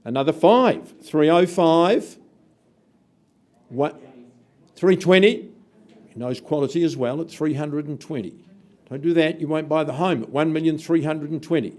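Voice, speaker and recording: Kiwi auctioneer bloke joking with the bidders, voice a bit on the high side. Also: male voice, mellow. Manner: chatty, teasing bidders between calls. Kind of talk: auction calling. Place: auction room.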